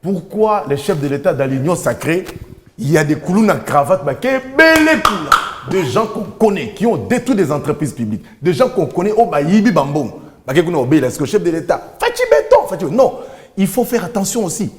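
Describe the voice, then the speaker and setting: A man's voice: fairly high pitch, fairly quick, a little hiss or hum. A man speaking as a guest in a heated panel debate, emphatic and appealing to the authorities. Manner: animated, emphatic, pleads to authorities.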